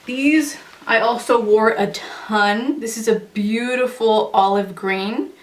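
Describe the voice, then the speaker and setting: A young woman with a fairly high voice chats through a casual clothing review. She speaks slowly and is slightly out of breath, with conversational pauses. The sound is roomy and echoey. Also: a little hiss or hum. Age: young adult. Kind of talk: casual product review chat to camera. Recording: roomy echo, distant microphone.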